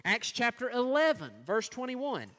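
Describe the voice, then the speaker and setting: A man's voice: very high voice, big pitch swings, unhurried, bright, forceful tone. A man preaching a sermon, teaching earnestly and asking his listeners rhetorical questions. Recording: long hall reverb.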